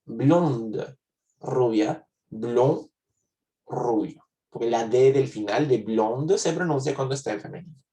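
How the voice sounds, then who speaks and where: A man's voice: medium pitch, normal speed, dark tone, reverberant, far from the mic. A man giving an online language lesson, patiently explaining and repeating points and checking if students follow. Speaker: French teacher.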